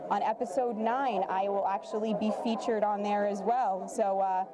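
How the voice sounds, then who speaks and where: A woman's voice: mid-range voice, fairly even intonation, moderate pace. Young woman, rambling casual talk, noisy room. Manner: hesitant, rambling, many likes and you-knows. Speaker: interview guest, actress. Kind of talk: casual interview answers. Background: clear background noise.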